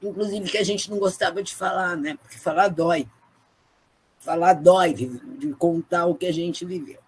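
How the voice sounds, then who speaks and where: Husky-voiced woman talking earnestly on a video call, keeps checking in with the listeners, a bit of breath in the voice. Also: fairly low pitch, fairly even intonation, normal speed, darkish tone. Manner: earnest, with frequent tag questions. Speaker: guest speaker at a book launch. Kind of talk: emotional testimony.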